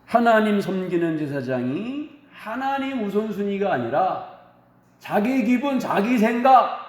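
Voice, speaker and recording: A pastor preaches with earnest, storytelling drive, slowing and pausing for weight. His voice sits high for a man, and the sound rings with the echo of a large room. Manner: earnest storytelling, dramatic pauses. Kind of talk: sermon.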